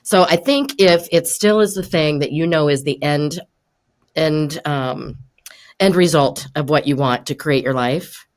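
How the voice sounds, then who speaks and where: A woman's voice: sits low, a little slow. Older woman, podcast coach, encouraging and chatty, laughs through her points. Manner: encouraging, laughs often mid-sentence. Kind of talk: conversational coaching chat.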